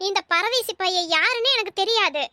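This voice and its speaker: Woman voicing a shrill scolding old mother-in-law. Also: moderate pace, bright, forceful tone, slight background noise. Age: older. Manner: shrill, accusing, wailing complaints. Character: scolding older mother-in-law, sharp-tongued and suspicious. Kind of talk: cartoon voice acting.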